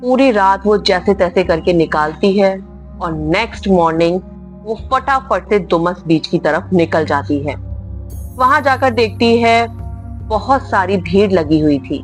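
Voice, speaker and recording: A woman's voice: mid-range voice, expressive, a little slow. A woman narrating a spooky horror story in a dramatic, emphatic way, often stressing how very scary things were. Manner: dramatic, repeats "very much" for emphasis. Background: faint music.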